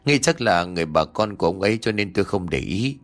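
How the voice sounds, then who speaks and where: A man's voice: deep voice, animated, fast talker. A man voicing a fretful, gossipy older village wife who nags her husband.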